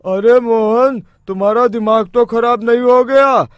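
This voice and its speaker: A man voicing a frightened male villager in a cartoon, shouting in a high panicked voice. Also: fairly even intonation, a little slow, muffled recording, noisy background. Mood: alarmed. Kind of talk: cartoon voice acting.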